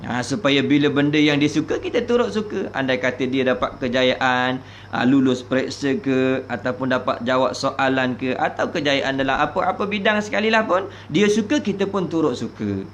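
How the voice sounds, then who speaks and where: A man with a Terengganu Malay accent teaching from a religious book, explaining slowly and repeating key phrases with many filler sounds. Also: mid-range voice, slight background noise.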